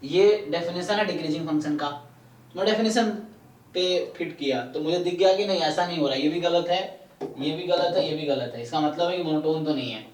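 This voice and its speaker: A man's voice: fairly high pitch, a little fast, darkish tone, echoey room, distant mic, low-quality recording. A man teaching math in a live online lecture, explaining step by step and often checking in with "है ना".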